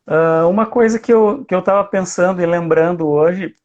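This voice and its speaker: A man with a voice pitched a bit above most men hosts a live interview. He puts his questions in a relaxed, conversational way. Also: normal speed, muffled recording. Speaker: host interviewer.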